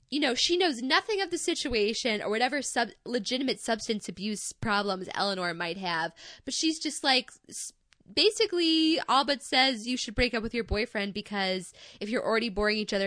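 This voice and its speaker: A young woman with a Midwestern accent, co-hosting a show and recapping an episode in casual, wry, animated chat. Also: on the high side, dry recording, studio quality. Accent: Midwestern American. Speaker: podcast co-host.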